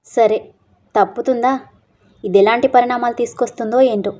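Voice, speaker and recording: This is an anxious young father in a read-aloud story, voiced by a woman narrator. He questions himself in a worried, searching way and seems lost in thought. The voice sits slightly high. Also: steady tone, moderate pace, darkish tone, close to an everyday voice.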